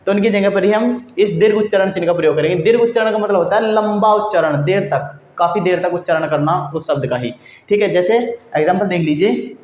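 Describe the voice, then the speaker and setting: A man's voice: high voice, darkish tone. Man teaching grammar in an echoey room. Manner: addresses viewers as friends, repeats "theek hai" often. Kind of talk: explanatory online lesson. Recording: echoey room, dull lo-fi sound, faint noise.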